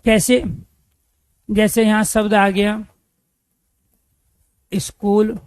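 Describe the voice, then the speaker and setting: A man's voice: sits high, little pitch movement, very slow, clear, resonant tone, no echo. A man teaching a grammar lesson, repeating key phrases and asking questions he then answers himself.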